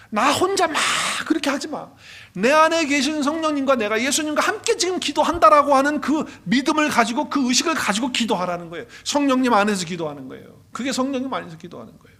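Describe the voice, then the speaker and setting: High-voiced male pastor preaching emphatically. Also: pushed and bright. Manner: emphatic, repeats phrases, asks the congregation questions. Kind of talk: sermon. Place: church sanctuary.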